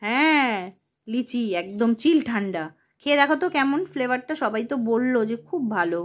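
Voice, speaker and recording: A woman playing along with a small child, coaxing and teasing him. Her voice sits high and swoops up and down in a lively sing-song. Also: moderate pace. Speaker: caretaker filming a child. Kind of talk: playful chat with a small child.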